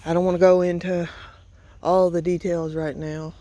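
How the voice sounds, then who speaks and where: A woman's voice: on the low side, level tone, normal speed, warm tone, lo-fi sound. A middle-aged woman with an Appalachian accent, talking hurriedly and emotionally in a casual vlog, out of breath. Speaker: homestead vlogger.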